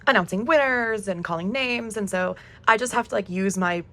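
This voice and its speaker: A woman in her thirties who is losing her voice chats upbeat to camera about budgeting, laughing often. Her voice is mid-range, bright, and forceful, and she talks at a normal speed.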